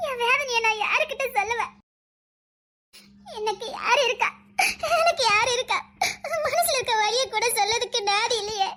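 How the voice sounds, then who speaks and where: A lovesick young woman from an animated story, voiced by a woman pines plaintively with a Tirunelveli accent. Her voice is very high and almost childlike, and the words come quickly. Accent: Tirunelveli Tamil. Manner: pining, plaintive.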